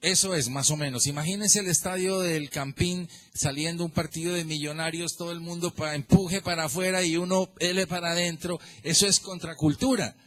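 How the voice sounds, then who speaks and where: A man with a Colombian accent preaching a sermon as pastor, lively, calling on listeners by name and asking them questions. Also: fairly high pitch, moderate pace, hardly any pauses. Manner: animated, addresses listeners by name, asks rhetorical questions.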